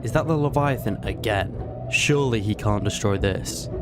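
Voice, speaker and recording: A man's voice: on the low side, moderate pace. A young man narrating his gameplay as a scripted story with wry, understated asides. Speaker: gaming video creator. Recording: voice-over with music behind. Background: game music.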